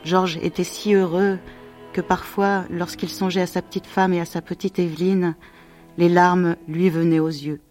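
A woman reading a novel aloud at a slow, measured, gentle pace. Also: on the low side, level tone, soft background music. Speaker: audiobook narrator. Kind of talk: slow scripted literary narration.

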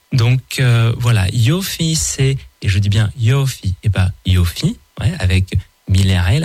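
A man's voice: fairly low pitch, a little mellow, husky, dry recording. A man giving a daily Hebrew word column on the radio, explaining casually with many hesitations and restarts. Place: radio studio.

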